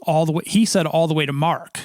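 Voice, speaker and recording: A man's voice: on the high side, darkish tone, no echo, studio quality. A man co-hosting a podcast, explaining things in casual conversation. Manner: explanatory, measured. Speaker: podcast co-host.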